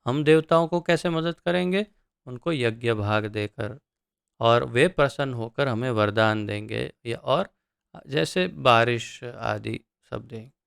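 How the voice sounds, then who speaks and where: Slow, smooth-voiced scripture teacher. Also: male voice, medium pitch, dry recording, clean studio sound. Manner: chants the verse slowly, then explains word by word; unhurried, with thinking pauses. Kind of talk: verse-by-verse scripture study.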